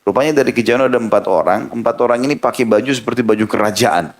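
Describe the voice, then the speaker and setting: A man's voice: medium pitch, fast talker. Man telling a sermon story. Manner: lively storyteller who acts out quoted speech. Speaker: Islamic preacher.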